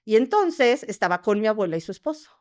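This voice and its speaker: A woman with a Mexican accent, a podcast guest telling a family story in a lively way and acting out the people she quotes. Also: mid-range voice, fast talker. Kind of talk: casual storytelling in a podcast interview.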